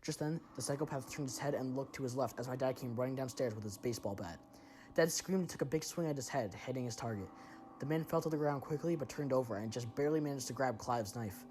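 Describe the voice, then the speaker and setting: A man's voice: mid-range voice, quick pace, darkish tone, slight background noise. A man narrating a first-person horror story in a tense, dramatic way.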